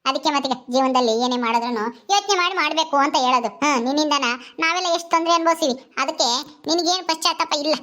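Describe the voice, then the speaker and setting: A woman's voice: high-pitched, fast talker, bright, forceful tone. A woman voicing a bitter younger sister who complains indignantly in a family drama skit. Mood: resentful.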